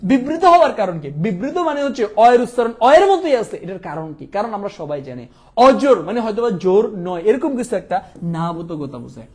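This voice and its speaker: Fast-talking young male teacher. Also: high voice, very animated. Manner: quick, drilling questions and answers himself. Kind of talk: exam revision lesson.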